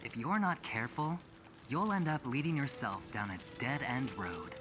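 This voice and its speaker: An actor playing a smug, charming young male gambler executive who talks in a teasing, smooth way. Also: medium pitch, big pitch swings, moderate pace, music in the background, close to an everyday voice.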